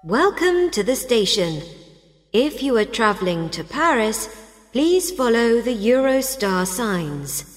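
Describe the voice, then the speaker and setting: A woman reading train station announcements slowly and clearly for a language lesson. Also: a little high, very animated, big-room sound, soft background music.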